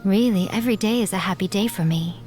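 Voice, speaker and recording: A woman's voice: mid-range voice, fast, a little mellow, natural voice. Yae Miko, a woman voicing a sly fox-spirit priestess. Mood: wistful. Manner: teasing, languid, mischievous laughter. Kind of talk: video game voice acting. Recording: game music playing faintly behind.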